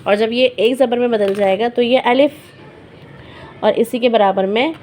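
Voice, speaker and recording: A woman teaching Quran recitation rules in a patient lesson. She repeats each example word slowly and checks in her learners often. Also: fairly high pitch, darkish tone, slight background noise.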